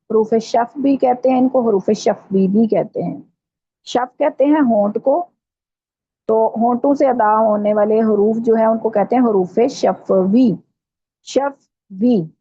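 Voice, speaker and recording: A woman's voice: on the high side, dark tone, husky. Patient woman teaching over lo-fi audio. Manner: patient, explains step by step, slows right down to model sounds. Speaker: Quran recitation teacher. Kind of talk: online tajweed class. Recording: dull lo-fi audio.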